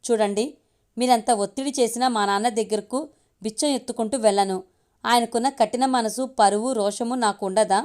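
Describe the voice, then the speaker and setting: A woman's voice: a little high, fairly even intonation, moderate pace, close to an everyday voice. Woman reading as a proud, firm young mother. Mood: defiant. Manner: quiet but firm and defiant.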